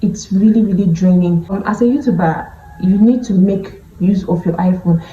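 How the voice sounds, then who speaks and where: In a dull, echoey room with slight background noise, a woman with a Nigerian accent vlogs casually into her phone camera. Her mid-range voice is mellow, and the beauty vlogger speaks frankly, drawing out words to emphasize them.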